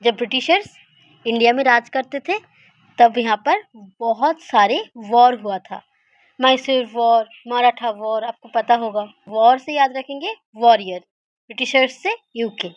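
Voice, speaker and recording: Woman w a high voice going over memory tricks, repeats words, asks herself stuff, kinda dull lo-fi sound. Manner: repeats key words slowly, asks and answers her own questions. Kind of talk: explaining study mnemonics.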